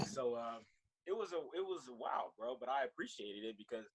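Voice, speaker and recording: A man's voice: medium pitch, sing-song, a little fast, husky, rough recording. A man from California, a podcast guest chatting casually in loose, swear-filled storytelling.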